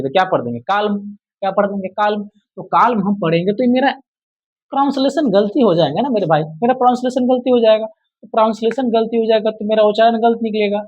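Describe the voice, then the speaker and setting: Here the teacher's voice is high yet darkish, captured on lo-fi audio. In a classroom-style spelling lesson, he asks a question and drills the answer repeatedly, call-and-response fashion.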